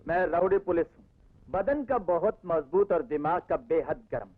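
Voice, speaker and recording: An actor playing a tough, hot-headed rowdy police inspector who talks in a gruff, taunting, bossy way, in a Hindi film dub. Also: male voice, fairly high pitch, animated, normal speed. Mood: commanding. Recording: muffled dubbed film soundtrack with faint music.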